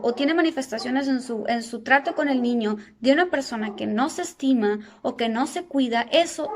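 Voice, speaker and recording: A woman in her thirties from Argentina, a psychologist calmly explaining a topic to her viewers and asking them rhetorical questions. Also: fairly high pitch, a little hiss or hum. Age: 30s. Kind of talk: educational talk.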